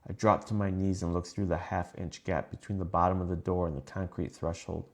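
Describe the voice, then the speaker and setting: A man reading scripted first-person horror stories in a calm, measured way. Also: low voice. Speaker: narrator.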